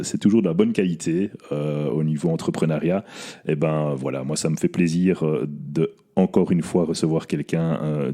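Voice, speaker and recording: A man's voice: sits low, dark tone. A man hosting a podcast interview, chatting casually with frequent fillers and restarts. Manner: hesitant, many fillers and restarts. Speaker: podcast host.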